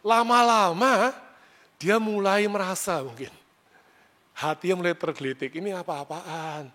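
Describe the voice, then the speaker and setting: Male preacher, conversational sermon voice, lively, long reverb of a hall. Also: high voice, a little slow. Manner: animated, conversational, rises sharply when retelling arguments. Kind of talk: sermon with personal storytelling.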